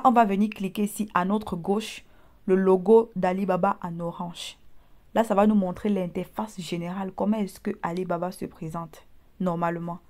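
A woman's voice: mid-range voice, darkish tone. A young woman with a mid-range voice talks the listener through a screen-recorded tutorial. Her colours a chatty, teasing delivery full of direct asides to the viewer. The voice-over has the close sound of a phone or desktop mic. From Cameroon. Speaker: online business vlogger.

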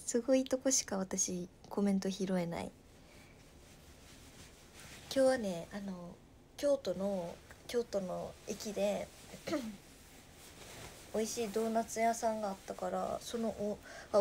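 A woman in her twenties from Nagasaki, chatting casually on a livestream with a Nagasaki dialect, reading viewer comments aloud and often dropping to a soft murmur. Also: mid-range voice, slight background noise. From Nagasaki, Japan. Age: 20s.

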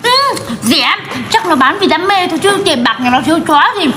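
A woman performing all the parts of a comedy skit with quick, teasing banter. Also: high-pitched, animated, a bit bright, reverberant, a little hiss or hum. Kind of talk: comedy skit role-play. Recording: music playing clearly behind.

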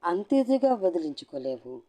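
A clingy, scheming young woman clings on and taunts, stubborn and defiant, as a woman voices her in a low, mellow tone. She sounds sly and unyielding throughout this storybook scene. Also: very animated, moderate pace.

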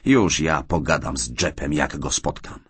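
A man reading an audiobook and voicing an agitated, indignant gentleman with exclamatory, raised delivery. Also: extremely low pitch, a little slow, breathy edge, no room sound, exaggerated voice.

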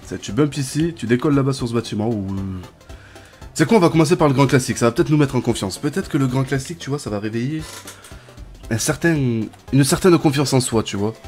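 Youtuber dude talking over his game, casual and jokey, mid-pitched, some music in the back. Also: fast talker. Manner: chatty, bursts into excited shouts and laughs. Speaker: gaming YouTuber. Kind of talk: casual gameplay commentary.

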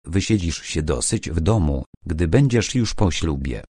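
A man's voice: a bass voice, expressive, warm tone, slightly rough, dry recording, full character voice. A man reading a bossy chatty young woman. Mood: insistent. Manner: brisk, insistent, chatty. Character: bossy, lively young woman, a busy friend.

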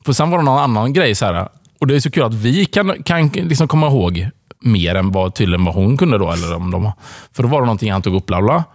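A man's voice: dry recording, studio quality. A man co-hosting a podcast, telling a story in casual chat and acting out the people in it. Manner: animated storyteller who acts out other people in high voices. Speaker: podcast co-host.

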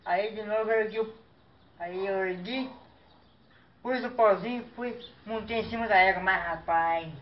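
Man, clown telling a comic tale, high voice, exaggerated exclamations, far from mic, muffled. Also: moderate pace. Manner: animated, exaggerated exclamations and sound effects. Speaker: clown storyteller. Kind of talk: comic storytelling duo routine. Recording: distant, dull mic with faint noise.

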